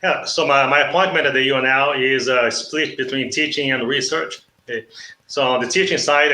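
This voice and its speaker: A middle-aged man from Brazil with a Brazilian Portuguese accent, an economics professor explaining things in a measured way and often checking in with "okay?". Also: medium pitch, pushed and bright, echoey room, low-quality recording. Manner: measured, frequent "okay?" check-ins and restarts. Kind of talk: explanatory interview talk.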